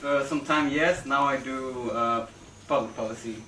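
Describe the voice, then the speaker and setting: A man's voice: medium pitch, steady tone, normal speed, pushed and bright, far from the mic. Hesitant man answering from the audience. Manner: hesitant, with many fillers. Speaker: audience member. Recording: echoey club, heard from afar, crowd noise.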